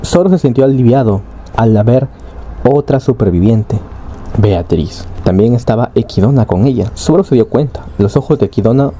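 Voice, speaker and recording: Man, casual story recap, chatty with fillers, very dark voice, dull lo-fi sound. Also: medium pitch, moderate pace, slight background noise. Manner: loose and chatty, frequent fillers and tag questions. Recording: dull lo-fi recording.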